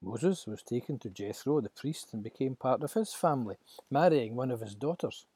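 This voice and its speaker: Guy telling a bible story, husky dark voice, dramatic, dry recording. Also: mid-range voice, expressive, normal speed, no room sound. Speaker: narrator. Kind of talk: scripted storybook narration.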